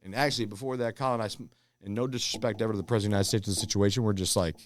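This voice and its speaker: Fast-talking man rambling through stories. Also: lowish voice, fairly even intonation, dry recording, studio quality. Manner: fast rambling anecdotes with profanity and quick voice swings. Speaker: podcast guest telling stories. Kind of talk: casual storytelling chat.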